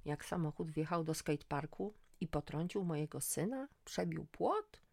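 A woman's voice: moderate pace, vocal fry. A middle-aged woman reading a first-person story aloud, lifting her voice for the dialogue. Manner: voices dialogue with lively rises in pitch. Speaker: audiobook narrator. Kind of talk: first-person audiobook narration.

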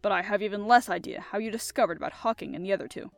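A woman reading an audiobook voices a suave male master criminal, speaking slowly and smoothly with quiet menace. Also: medium pitch, lively intonation, no room sound, soft background music, lightly acted. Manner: smooth, slow and sinister.

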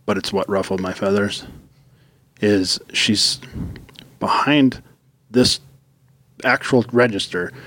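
Exasperated man ranting in a story. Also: fairly low pitch. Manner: swearing, exasperated, animated storytelling. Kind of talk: casual storytelling rant.

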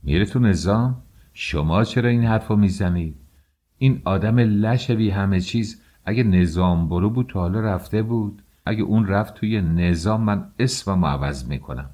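A man's voice: low-pitched, warm tone, husky. A man reading an audiobook, voicing an enraged middle-aged father who defends his family's honor in indignant outbursts. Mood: furious. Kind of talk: audiobook character voice.

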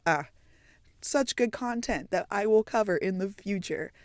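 A woman's voice: mid-range voice, animated, unhurried, no room sound, studio quality. A young woman hosting a casual solo podcast, chatty and playful, talking to her listeners from inside a small apartment closet. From United States. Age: young adult. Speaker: podcast host.

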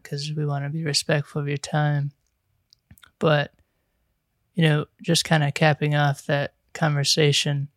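A man's voice: a little high, a bit bright, dry recording, clean studio sound. A man hosting a podcast, easygoing and steering the conversation toward his guest. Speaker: podcast host. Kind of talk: casual podcast chat.

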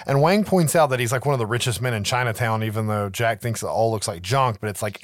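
Speaking in a fairly low voice, this podcast host gives a relaxed movie recap peppered with swearing and a habitual, offhand "right?" The mic is close and dry, picking up no room sound at all.

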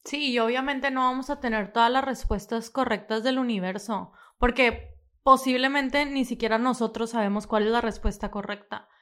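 A young Mexican woman co-hosting a podcast, her voice sitting a little high. She talks quickly and casually, dropping in little agreeing murmurs as her friend speaks. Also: fairly even intonation, fairly bright tone. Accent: Mexican Spanish. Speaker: podcast co-host. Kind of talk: casual chat.

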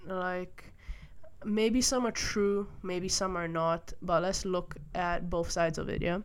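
Sitting by a window with rain outside, a young woman from Malaysia hosts a solo podcast. She speaks slowly in a smooth, fairly low voice with fairly even intonation. Her casual monologue works through her views hesitantly, with plenty of fillers and restarts.

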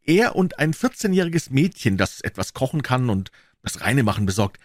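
Guy doing a jumpy high-voiced shopkeeper, all exclaiming, storybook style. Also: sing-song, moderate pace, no room sound, studio quality. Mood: chatty. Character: excitable middle-aged male pawnbroker, plain-spoken. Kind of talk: audiobook character voice.

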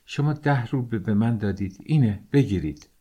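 A man voicing a timid, frightened young girl who pleads softly. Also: lowish voice, animated, breathy edge.

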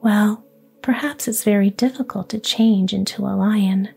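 A woman whispering the lines of a clever, commanding young princess in a fairy tale, hushed and sly. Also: medium pitch, steady tone, unhurried, vocal fry, faint music behind.

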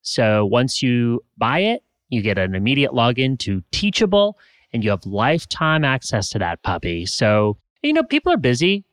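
A man's voice: normal speed, clear, resonant tone, no room sound. Playful male podcast co-host. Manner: playful, animated sales pitch with pet names. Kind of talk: casual podcast chat with ad read.

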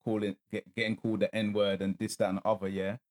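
A man in casual podcast chat, relaxed and explaining step by step. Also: fairly low pitch, fast.

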